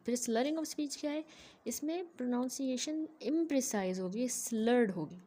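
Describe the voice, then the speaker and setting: Methodical woman lecturer, fairly high voice. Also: unhurried, mellow. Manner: methodical, keeps checking in with "ठीक है". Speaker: medical lecturer. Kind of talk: explanatory medical lecture.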